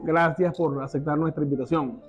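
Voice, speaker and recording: Host guy, slightly high voice, asks friendly questions, faint music. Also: steady tone, brisk, lo-fi sound. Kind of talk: interview.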